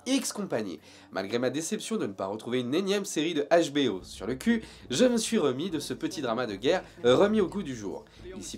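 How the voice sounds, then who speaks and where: A man's voice: mid-range voice, darkish tone, husky. A man reviewing TV series in a casual video, joking and sarcastic at times, then settling into an earnest critique.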